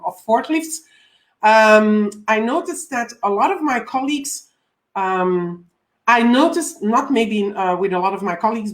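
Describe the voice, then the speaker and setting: A woman from Belgium in her forties, a coach hosting a live stream, welcoming viewers over and over with frequent ums. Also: mid-range voice. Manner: warm repeated welcomes, frequent ums, reads viewer comments.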